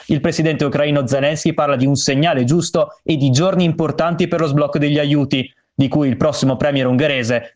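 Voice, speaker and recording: A man working as a correspondent, reading a scripted radio news report. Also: a little high.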